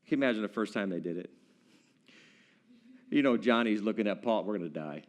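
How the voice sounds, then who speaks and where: A man's voice: fairly low pitch, fairly quick. A man preaching a sermon in a church, playful, acting out scenes in voices and breaking into song.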